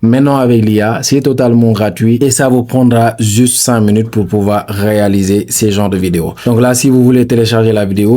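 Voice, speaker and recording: A man hosting a screen-recorded software tutorial, talking chattily to viewers and filling his steps with stock phrases. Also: fairly low pitch. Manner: chatty, repeats "bien sûr", addresses viewers as "les gars". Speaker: tutorial host.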